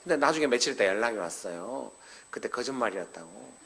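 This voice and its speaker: A man's voice: medium pitch, animated, quick pace, vocal fry, a bit bright, a little hiss or hum. Man preaching in a storytelling way. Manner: conversational storytelling, acting out dialogue; addresses the elderly congregation directly. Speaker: pastor. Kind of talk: sermon at a parents' seminar.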